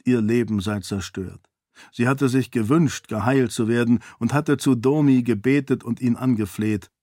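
A man narrating a fantasy audiobook in a steady, clear storytelling manner. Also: medium pitch, dry recording, clean studio sound.

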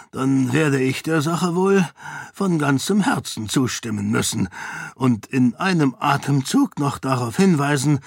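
A man's voice: mid-range voice, creaky, slightly rough, no echo, voice pushed up, full character voice. A man voicing a hearty, boisterous nobleman in an audiobook, effusive and full of good humor. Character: jovial hearty nobleman, booming laugh. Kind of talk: audiobook character voice.

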